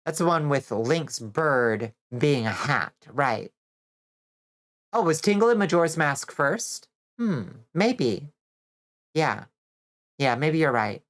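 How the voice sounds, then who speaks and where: A vtuber streamer from Georgia, US, chats with her audience while gaming, her voice extremely low and nasal from a stuffy nose. She's animated but slow, with long pauses, rambling loosely, reacting to chat and swearing casually.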